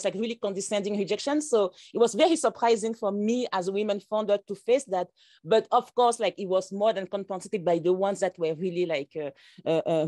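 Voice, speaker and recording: A startup founder joins a panel discussion by video call, her mid-range voice darkish in tone with no echo. Not a native French speaker, she sounds hesitant, with many fillers and restarts, and she's in an indoor room with plain walls.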